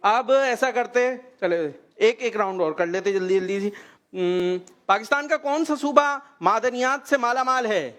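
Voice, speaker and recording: A man runs a children's quiz. He talks briskly, hurries the kids along and calls out when an answer is right. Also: sits high, a bit bright. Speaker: host of a children's program. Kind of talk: lively quiz hosting with children.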